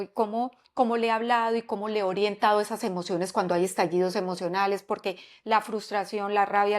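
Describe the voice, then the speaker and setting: A woman psychologist, explaining parenting ideas in a podcast interview, often asking rhetorical questions. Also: medium pitch. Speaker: psychologist and parenting expert guest.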